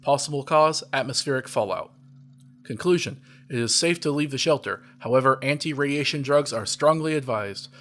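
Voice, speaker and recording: A man voicing a shelter computer terminal as it boots up, reading status lines in a flat, machine-like way. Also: mid-range voice, moderate pace, lightly acted. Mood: flat, clipped. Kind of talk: video game terminal voice.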